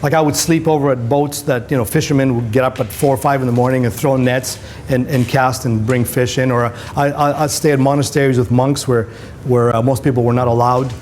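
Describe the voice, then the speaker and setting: In a darkish, medium-pitched voice that moves fairly quickly with fairly even intonation, a Greek-born photographer who came to Canada at twelve addresses a school classroom on career day. The middle-aged native Greek speaker keeps his motivational talk informal and anecdotal, checking in with tag questions. The recording carries hiss and room noise.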